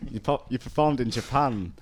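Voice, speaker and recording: A man interviewing a band, asking questions in a halting, hesitant way. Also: mid-range voice, very noisy.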